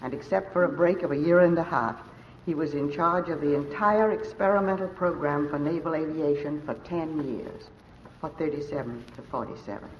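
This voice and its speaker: A woman as mistress of ceremonies, giving a formal, measured speech introducing a speaker at a luncheon, heard on an old broadcast transcription disc. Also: deep voice, slight background noise. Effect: old broadcast transcription disc sound. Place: large hotel ballroom. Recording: dull lo-fi old transcription disc, echoey ballroom.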